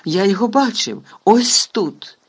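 A man with a husky voice voicing a gruff, angry executioner in a storybook reading. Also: very high voice, normal speed, pitched above the performer's own voice. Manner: growling.

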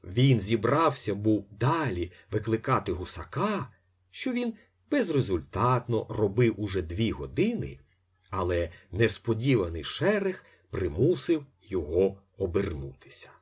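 A man reading a literary novel aloud as its narrator, with expressive swings in his voice. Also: a little slow, breathy edge. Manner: expressive, with lively pitch swings.

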